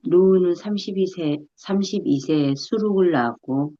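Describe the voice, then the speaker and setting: A woman with a low-pitched voice reads scripture aloud in turns. She reads steadily and deliberately. The recording sounds slightly dull and muffled. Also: dark tone. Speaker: scripture reader.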